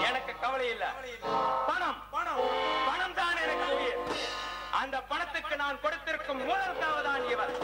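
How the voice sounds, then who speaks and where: A man playing a greedy, ruthless villain, declaiming in a village stage drama. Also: extremely high pitch. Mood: boastful. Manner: menacing, boastful stage declamation. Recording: echoey open-air stage with loud music.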